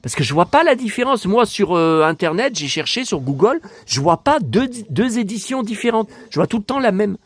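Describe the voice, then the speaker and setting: A man casually vlogging about collector books, excitable and rambling, talking straight to his viewers. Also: high-pitched, moderate pace, few pauses.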